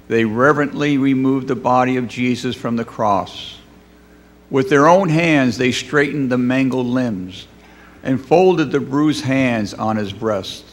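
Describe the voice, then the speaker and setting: A man giving scripted dramatic narration of a Bible story in a solemn, declamatory manner. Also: mid-range voice.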